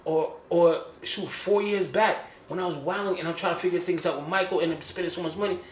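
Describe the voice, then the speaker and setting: A man telling a personal story on a casual podcast, animated and repeating phrases like "you feel me". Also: high voice, brisk, reverberant, slight background noise. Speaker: podcast host.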